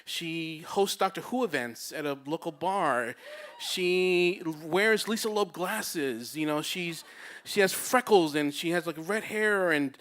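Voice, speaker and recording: A young man telling a personal story on stage, animated and acting out the people he quotes. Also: slow pace. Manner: animated, acts out quotes with big pitch jumps.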